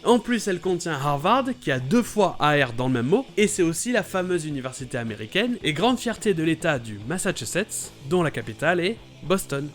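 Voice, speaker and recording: A man hosting a playful scripted explainer about English vowel sounds, talking with lively enthusiasm. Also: on the high side, fairly quick, hardly any pauses, faint music behind. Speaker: YouTube host explaining English pronunciation.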